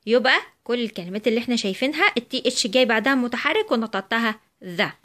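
A woman with an Egyptian Arabic accent teaching an English phonics lesson to children, slowly drawing out each example word. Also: a little high, expressive, a bit bright. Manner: slow, drawn-out word demonstrations.

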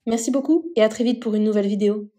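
A woman narrating a celebrity news story as scripted voice-over, reading an article in an even manner. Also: mid-range voice, rapid-fire.

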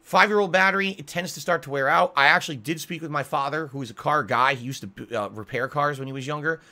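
A man's voice: on the high side, fast, sharp tone. A middle-aged American man streaming a casual monologue, explaining things emphatically in an aggrieved way with frequent check-in tags. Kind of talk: casual livestream monologue to viewers. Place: small home room with acoustic foam, indoors. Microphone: desk microphone with pop filter, close.

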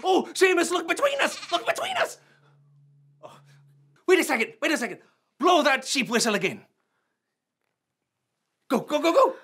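A performer playing a goofy, excitable male rapper in a comic kids' sketch, shouting and laughing a lot. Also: sits high, normal speed, long pauses, full character voice. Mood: excited.

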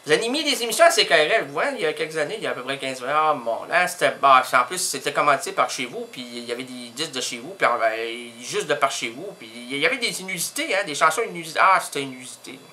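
Playful Québécois radio host, very bright voice. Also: male voice, fairly high pitch, expressive, quick pace, hardly any pauses, a little hiss or hum. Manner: playful, self-mocking, rambling with fillers and puns. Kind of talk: comic radio monologue, one-sided phone call. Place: radio studio.

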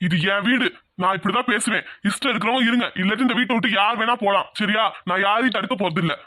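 A man's voice: high-pitched, fast, bright, forceful tone. A man voicing a proud, domineering village landlord and father who scolds his family. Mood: angry.

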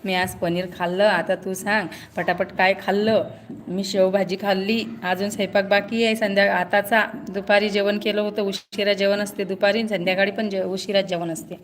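A woman's voice: medium pitch, flat delivery, moderate pace, slight background noise. A woman live streaming on her phone, chatting casually with viewers, teasing them and greeting each one by name.

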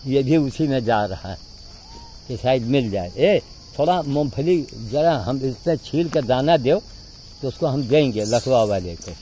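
A man's voice: medium pitch, animated, unhurried, dark tone, slight background noise. A man talking casually outdoors while feeding monkeys, coaxing them with repeated calls. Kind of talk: casual outdoor vlog chat.

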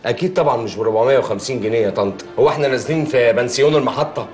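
An actor playing a stressed Egyptian husband who speaks defensively with an Egyptian accent. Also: male voice, mid-range voice, rapid-fire, a little mellow, faint music behind, natural voice. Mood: irritable. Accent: Egyptian Arabic. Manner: irritable, defensive.

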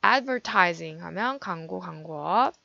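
A woman teaching English vocabulary in a recorded lecture, her voice bright and edged with vocal fry. She explains meanings and stress, often slowing down to model pronunciation. The sound is dry and a little dull, like lo-fi lecture audio. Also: lowish voice, lively intonation, no room sound.

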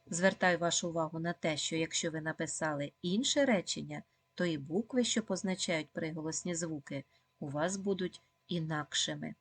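A primary school teacher with a deep voice gives a video lesson to second graders, speaking slowly and clearly. She praises the pupils often and asks them questions, and the recording has no echo.

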